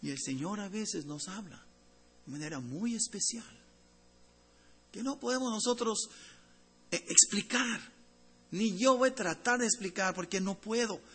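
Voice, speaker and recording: A man preaching to his congregation in a high, bright voice with a husky, breathy edge. His delivery swings between forceful, emphatic declarations and soft, near-whispered passages. He speaks to the listeners directly and calls them brothers. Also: normal speed, long pauses. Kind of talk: sermon.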